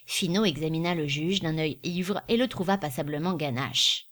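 A woman's voice: sits low, normal speed, a bit bright. Woman narrating a classic novel. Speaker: audiobook reader. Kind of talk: literary narration.

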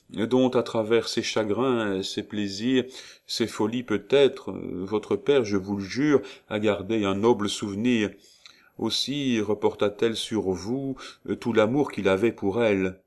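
A man's voice: lowish voice, takes it slowly. A man voicing a dignified noble father who speaks earnestly and with emotion, in a storybook reading. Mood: moved. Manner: earnest, gently solemn.

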